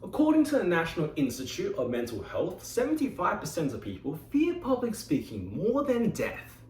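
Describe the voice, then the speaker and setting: A high-voiced Australian man in his 20s, whose first language is Mandarin Chinese, delivers a prepared speech to his club. He tells a story expressively with dramatic pauses, his lively voice echoing around a meeting room some distance from the mic.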